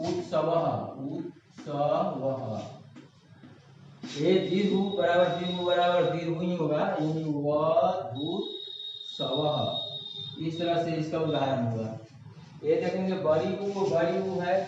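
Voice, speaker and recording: A male teacher explaining grammar at a whiteboard, slowly going back over each step. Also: fairly high pitch, a little mellow, slight background noise. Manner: slow, repetitive explaining. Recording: echoey room, distant mic, dull lo-fi sound.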